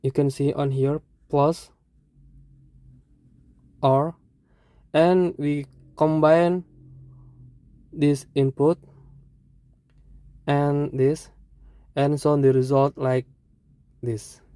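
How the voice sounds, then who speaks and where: Indonesian accent, teacher, very slow halting phrases, dark smooth voice. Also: mid-range voice, flat delivery, no echo. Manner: halting, short phrases, self-correcting. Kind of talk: explaining a lesson in halting English.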